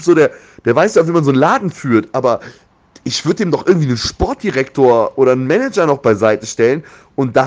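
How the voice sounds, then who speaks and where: A man's voice: fairly high pitch, darkish tone. A man chatting casually about football as an opinionated fan, with a blunt, slangy, exasperated way of griping.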